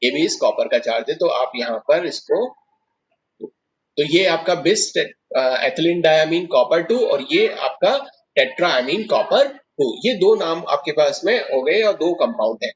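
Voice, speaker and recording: A man's voice: fairly high pitch, animated, slow, lo-fi sound, slight background noise. A man teaching chemistry in a classroom lecture, explaining step by step and putting questions to his students.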